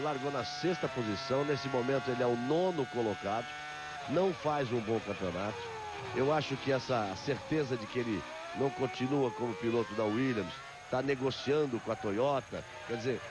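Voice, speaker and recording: A man with a Brazilian accent doing live motor race commentary as lead commentator, calling the action and repeating key phrases. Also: medium pitch. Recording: loud engine and trackside noise. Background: race car engines, outdoor vehicle noise.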